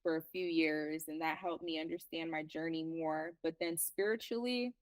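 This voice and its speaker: A young woman from Liberia, a herbalist guest in an interview, speaking earnestly and reflectively with halting restarts. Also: low-pitched, fairly even intonation, clear, resonant tone, no room sound, far from the mic, poor audio. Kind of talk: casual interview talk.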